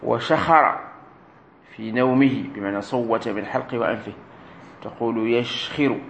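Man teaching grammar in an echoey room. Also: mid-range voice. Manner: explains slowly, repeats key words and drills verb forms aloud. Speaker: sheikh teaching Arabic grammar. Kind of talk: recorded classroom lesson. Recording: roomy echo with faint room noise.

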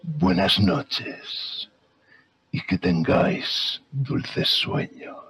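A man's voice: a little high, sing-song, extremely slow, vocal fry, a bit bright, husky, no echo, exaggerated voice. A man playing a malevolent ancient supernatural king in a horror audio drama, pompous and menacing with mock courtesy, drawing out his words theatrically. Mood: mocking, sinister. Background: music.

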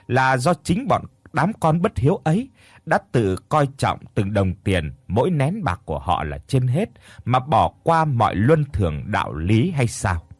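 A man's voice: medium pitch, slightly rough, dry recording. A man narrating a first-person audio story in a bitter, scornful tone.

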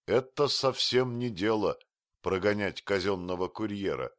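A man's voice: lowish voice, unhurried, dry recording, clean studio sound, voice pushed up, lightly acted. A man doing a stern, commanding swindler. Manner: curt, clipped official tone.

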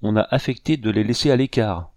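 A man's voice: fairly low pitch, fairly quick, darkish tone, no echo, studio quality, lightly acted. A man reading an audiobook, voicing a scheming, resentful captain who feigns indignation. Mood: aggrieved. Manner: feigned indignation, bitter and insistent.

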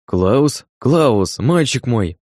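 A man voicing a shrill, hysterical middle-aged woman, the owner of a dog, in an audiobook. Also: animated, moderate pace, a little mellow, no echo, studio quality, close to an everyday voice. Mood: overjoyed. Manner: shrill, screeching. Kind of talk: audiobook character voice.

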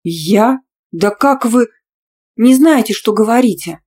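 A woman's voice: medium pitch, normal speed, pitched above the performer's own voice, natural voice. A woman voicing a young female student who answers back sharply and defiantly. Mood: indignant. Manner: sharp, defiant, easily outraged.

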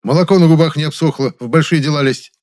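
Sly petulant director, shrill, whiny, pitched up, as a male reader puts him on. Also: quick pace, a little mellow, natural voice. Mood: scornful.

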